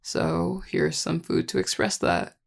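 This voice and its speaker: In an intimate audio role-play addressed one-sidedly to the listener, a performer plays a charming, affectionate vampire lover, teasing and tender. The mid-range voice is relaxed and gravelly with heavy vocal fry, delivered slowly and heavily acted. The mood is tender and reflective.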